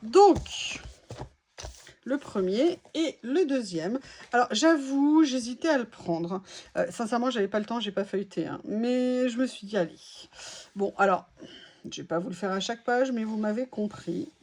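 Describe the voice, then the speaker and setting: A woman's voice: a little high, lively intonation, moderate pace, darkish tone. A woman vlogger chatting casually through a craft haul, exclaiming as she reacts to each item.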